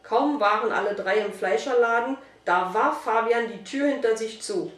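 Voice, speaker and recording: A woman reads a children's story aloud at a steady, even pace. Her voice sits fairly high. The room rings, and she is some distance from the mic. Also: normal speed, echoey room. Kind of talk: storybook read-aloud narration.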